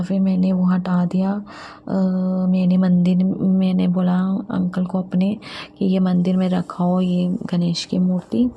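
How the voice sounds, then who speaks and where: Gravelly, flat-voiced woman sharing faith testimony. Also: mid-range voice, slight background noise. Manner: halting, many fillers and restarts. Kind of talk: devotional testimony talk.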